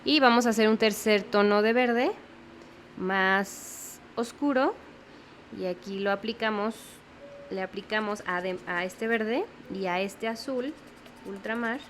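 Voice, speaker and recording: A woman's voice: mid-range voice, a little slow, slight background noise. A young woman teaching a step-by-step watercolor lesson, patiently explaining and often checking in with the viewer. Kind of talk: step-by-step painting tutorial.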